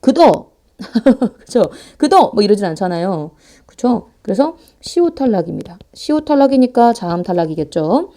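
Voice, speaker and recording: A woman teaching a grammar lecture online in a playful, animated way, talking fast and sometimes acting out students' voices. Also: mid-range voice. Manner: talks fast to save time.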